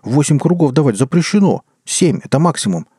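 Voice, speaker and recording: A man voicing an indignant sinner who argues loudly about his sentence. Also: medium pitch, moderate pace, breathy edge, no room sound, studio quality, close to an everyday voice. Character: indignant male sinner in long johns, arguing.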